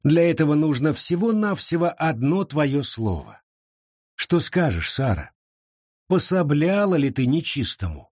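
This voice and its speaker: A man's voice: a little high, big pitch swings, a little mellow, no room sound, studio quality, pitched above the performer's own voice. Man doing a cold, stern witch-hunting captain. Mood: coaxing menace. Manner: coolly authoritative, measured.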